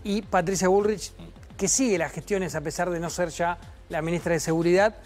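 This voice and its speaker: A man hosts a studio news discussion in a high voice. He lays out the facts in a measured, informative way. Faint music plays behind him. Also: steady tone. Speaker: news host.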